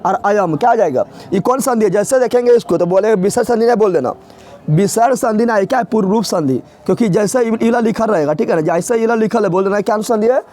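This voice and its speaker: Speaking fast in a mellow voice that sits high for a man, a young teacher runs an exam-prep grammar lesson. He fires question after question at his students and answers each one himself, over and over, drill-style.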